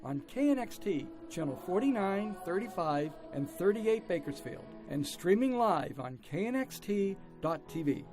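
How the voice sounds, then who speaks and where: Promo announcer, animated delivery, clear music underneath. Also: mid-range voice, measured pace, few pauses. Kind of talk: broadcast promo.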